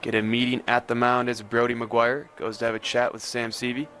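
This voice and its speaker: A man's voice: medium pitch, monotone, brisk, a bit bright. A man giving live play-by-play baseball commentary as a sports announcer.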